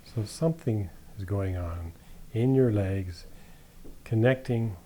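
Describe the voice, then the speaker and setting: A man leading a guided body-awareness session, speaking slowly and gently, echoing back what the other person says. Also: lowish voice, a little hiss or hum. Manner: slow, gentle, reflecting back the other's words. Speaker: focusing guide.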